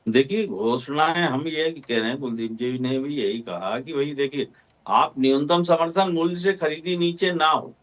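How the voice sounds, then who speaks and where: A man's voice: on the high side, moderate pace, a bit bright, dull audio. A man speaking for farmers on a panel discussion, arguing earnestly with frequent hesitations. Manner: earnest, argumentative, many hesitations. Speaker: farmer representative guest.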